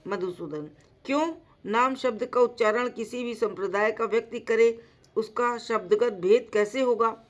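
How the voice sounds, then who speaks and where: A woman's voice: on the high side, natural voice. Woman reading as a patient male ascetic teacher. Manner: slow, measured reading voice.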